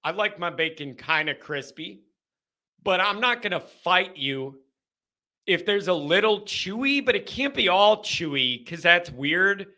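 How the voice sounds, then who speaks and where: A young man hosting a live sports call-in stream, ranting casually with animated, exasperated mock outrage. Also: sits high, a little slow. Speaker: host of a sports call-in show.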